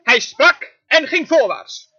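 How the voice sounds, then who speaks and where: Guy with a really high bright voice doing an emphatic sermon voice-over, lots of amens. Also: very animated, slow pace, lo-fi sound. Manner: emphatic preaching, frequent amens. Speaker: sermon interpreter.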